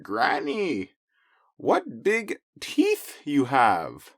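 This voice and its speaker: A man's voice: medium pitch, huge pitch swings, very slow, fairly bright tone, no echo, clean studio sound, voice pushed up, exaggerated voice. Man doing a naive little girl. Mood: innocent.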